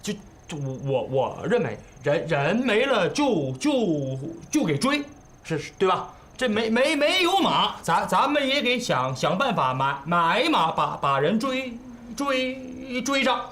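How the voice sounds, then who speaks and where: Stammering male servant, repeats syllables, a bit high, lively swooping pitch, comic period drama. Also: measured pace, exaggerated voice. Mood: flustered. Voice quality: constant stutter, repeats syllables. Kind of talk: costume comedy TV drama acting.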